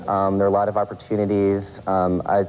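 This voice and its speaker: Young male talk show guest, hesitant, low mellow voice, worn VHS copy with faint hiss. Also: monotone, fast talker. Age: young adult. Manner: hesitant, with frequent ums. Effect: worn VHS tape copy. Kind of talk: recounting a personal experience. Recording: dull lo-fi tape with faint hiss.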